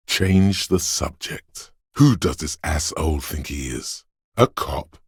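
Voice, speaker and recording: A man voicing a menacing, paranoid inner voice of primal fight-or-flight instinct in a video game, with dramatic, deliberate delivery and a husky, gravelly bass. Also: dry recording, clean studio sound, full character voice. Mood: aggressive goading. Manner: menacing, deliberate, foul-mouthed goading. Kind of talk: dramatic second-person game narration.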